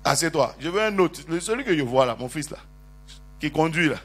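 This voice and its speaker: Man, bishop, sermon, high voice, very animated pitch, call-and-response, loud prophetic declarations. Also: a little fast. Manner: jokes and teases the congregation.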